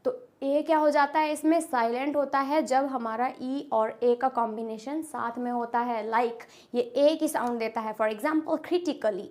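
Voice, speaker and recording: A woman's voice: high voice, steady tone, measured pace, hardly any pauses, a little mellow. A young woman, an English trainer teaching pronunciation. She asks questions and answers them herself, repeating each word. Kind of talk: spoken English lesson.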